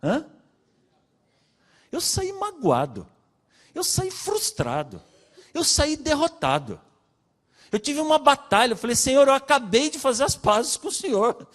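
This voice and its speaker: High-voiced Brazilian pastor in a hall. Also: male voice, big pitch swings, unhurried, pauses often. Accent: Brazilian Portuguese. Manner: storytelling, acting out dialogue with shifting pitch and loudness. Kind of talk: sermon testimony. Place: church hall. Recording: long reverb of a church hall.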